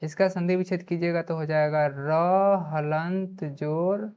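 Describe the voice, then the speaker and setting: Woman, Bihari Hindi accent, online grammar teacher, low voice, spells letters one at a time, dull lo-fi recording. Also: fairly even intonation, a little mellow, smooth. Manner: slow, spells out letters one by one, asks and answers her own questions. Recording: dull lo-fi sound.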